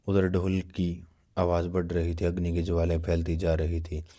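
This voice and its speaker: A man reads a book aloud at a measured, steady pace. His voice is very deep and dark, and his intonation stays almost flat throughout. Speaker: reader.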